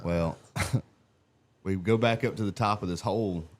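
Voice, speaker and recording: A man, co-hosting a live stream and telling stories in a colorful, animated way. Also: on the low side, a little slow. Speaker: co-host. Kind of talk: casual live-stream chat and storytelling.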